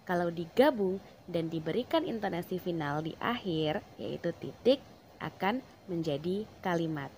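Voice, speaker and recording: A woman teacher explaining a lesson in a deliberate way, stressing key words with rising emphasis. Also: fairly low pitch, lively intonation, a little mellow, slight background noise.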